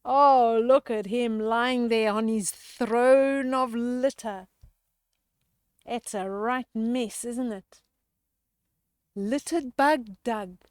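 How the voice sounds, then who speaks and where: In a fairly high voice, a woman who tells stories to children reads a bedtime picture book very slowly, drawing out her emphasis expressively and asking the listener chatty questions. The sound is close and dry, with no echo.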